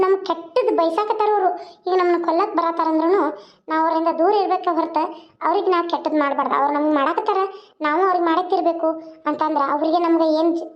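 A woman's voice: very high-pitched, lo-fi sound. A woman voicing a preachy, wise young village woman. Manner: preachy, moralizing.

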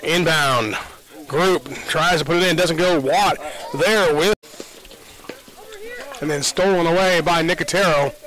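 A man's voice: on the high side, a little slow, pauses often, fairly bright tone, low-quality recording. A man giving basketball play-by-play in short, clipped calls. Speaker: play-by-play commentator.

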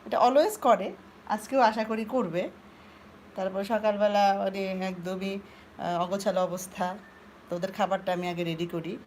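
A woman, chatting to viewers in a casual live vlog at home and coaxing her cats in soft baby talk. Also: mid-range voice, steady tone, unhurried, pauses often, slight background noise. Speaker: vlogger talking to her cats. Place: home indoors by a sliding glass door.

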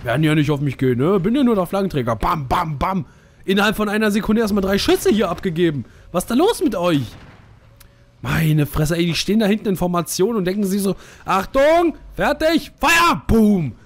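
Young male let's player, lively up-and-down delivery, slightly high voice, playful teasing banter. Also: quick pace. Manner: joking, teasing opponents, sing-song repeats. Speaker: gaming streamer. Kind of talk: casual let's play commentary.

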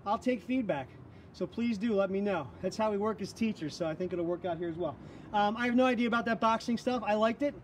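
A man's voice: sits high, fast. A man leading a live online workout class as fitness instructor, calling out counts and cues with energy. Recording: distant mic, faint background noise.

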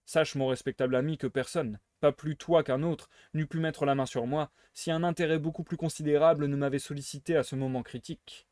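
A man reading as a smug gentleman thief. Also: on the high side, fairly even intonation, brisk, few pauses, no room sound, studio quality, natural voice. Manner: playful, teasing, smugly theatrical. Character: suave mocking gentleman thief, adult man. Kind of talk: live reading of a novel aloud.

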